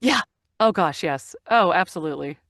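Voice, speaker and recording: A woman in her forties, an actor and narrator, chats openly in a casual interview, laughing often and sounding animated. Her voice is fairly low and her pace normal, captured in clean studio sound with no room sound.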